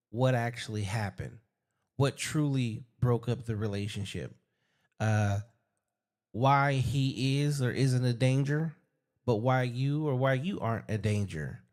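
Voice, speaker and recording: Emphatic man hosting a call. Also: medium pitch. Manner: emphatic, repeats himself, speaks slowly to stress points. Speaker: host. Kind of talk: casual call conversation.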